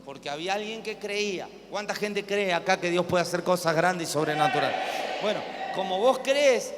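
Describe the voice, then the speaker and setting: A man's voice: sits high, expressive, moderate pace. A male pastor with an Argentine accent, preaching emphatically to a congregation, repeating phrases and calling for amens. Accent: Argentine Spanish. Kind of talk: live sermon. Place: church hall with congregation. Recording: hall reverb, faint room noise.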